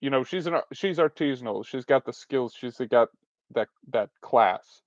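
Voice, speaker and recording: A man's voice: medium pitch, expressive, moderate pace, no echo. A man narrating a solo tabletop game as its game master, thinking aloud and poking fun at himself. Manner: musing aloud, self-deprecating. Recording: dull, dry recording.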